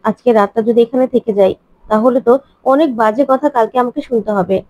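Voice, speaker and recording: Woman playing an anxious middle-aged mother, high voice, hesitant, faltering, dull lo-fi sound. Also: fast talker, a little mellow, no echo, close to an everyday voice. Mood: fearful. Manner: worried, hesitant, faltering repeats. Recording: dull lo-fi, dry.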